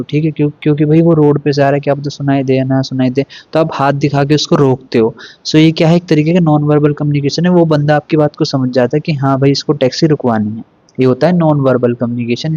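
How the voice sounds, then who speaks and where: A man with a dark, mellow voice gives an exam revision lecture in a casual, chatty way. He keeps posing rhetorical questions and checking in with students. The recording is dry and a little dull. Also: medium pitch, no room sound. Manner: informal, repetitive fillers, rhetorical questions. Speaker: teacher.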